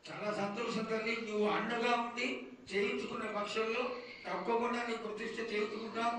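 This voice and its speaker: High-voiced man pleading in heavy echo. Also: flat delivery, a little fast, fairly bright tone. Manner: pleading, deferential. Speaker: devotee questioning the oracle. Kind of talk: reverent ritual petition. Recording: echoing, distant mic, faint ambient noise.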